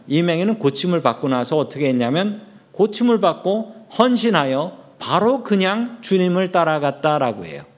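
A man's voice: a little high, darkish tone. A man preaching a sermon as pastor, fervent and raising his voice for emphasis.

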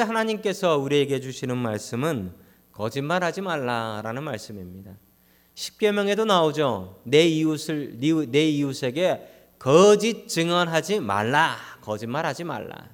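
A male pastor delivers a Sunday sermon laced with jokes, his fairly high voice rising and falling in wide swings. He speaks straight to his congregation and acts out the people he quotes in playful voices. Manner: appeals to congregation directly.

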